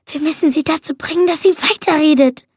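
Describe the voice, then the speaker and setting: A woman reader voicing a clever teenage girl speaking in a hushed, urgent tone in an audiobook. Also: sits high, a little fast, no room sound, clean studio sound, voice pushed up, lightly acted.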